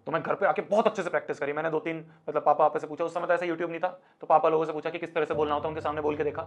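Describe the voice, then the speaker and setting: A man's voice: a little high, fairly even intonation, very fast. A young man teaching online, telling a school story to motivate his students and acting out scenes in a fiery speech voice. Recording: slightly dull audio with soft background music.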